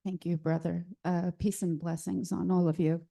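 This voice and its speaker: A woman speaks to a church congregation as guest speaker, her voice warm and mellow. She is emotional and close to cracking, and her talk comes out heartfelt and halting, with many fillers as she pushes on. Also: fairly low pitch, flat delivery, gravelly. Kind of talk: speech to a congregation. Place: church service, in person.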